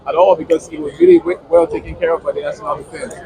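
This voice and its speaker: A man's voice: on the high side, little pitch movement, racing, a crowd in the background. A man giving a casual fan interview outdoors after a match, repeating words for emphasis. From Nigeria. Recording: noisy outdoor setting with traffic.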